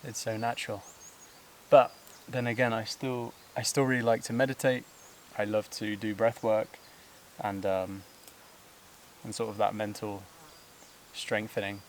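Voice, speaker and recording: A man's voice: on the low side, level tone, measured pace, a little hiss or hum. Breathless man vlogging on a hiking trail. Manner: rambling, loose, with frequent fillers and laughs. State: out of breath from climbing. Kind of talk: casual talk to camera while hiking. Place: outdoors on a hillside trail. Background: buzzing insects.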